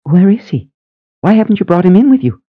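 A man doing a gushing, high-voiced bubbly sister. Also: big pitch swings, fairly quick, slightly rough, dry recording, phone-quality sound, exaggerated voice. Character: excitable bubbly woman, a sister. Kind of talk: audiobook character voice.

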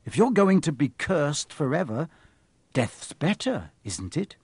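A man's voice: on the high side, sing-song, unhurried, a little mellow, husky, no echo, heavily acted. A man voicing a young schoolboy wizard, shaken and curious, asking questions in an earnest way.

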